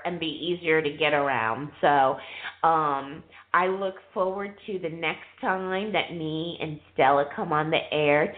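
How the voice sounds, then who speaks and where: Low-voiced woman on a tinny phone line. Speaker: radio show host taking callers. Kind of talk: casual call-in chat.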